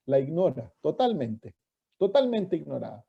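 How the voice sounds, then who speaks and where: A man's voice: on the high side, sing-song, normal speed, creaky, husky. A man, preaching a sermon as a pastor, reading scripture and asking his listeners questions. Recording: dull lo-fi recording.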